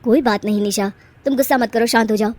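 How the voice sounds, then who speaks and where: A woman voicing a gentle, patient young man, the stepson, speaking softly and calmly in a storybook tale. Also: fairly high pitch, fast talker, lightly acted. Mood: gloomy. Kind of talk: storybook voice acting.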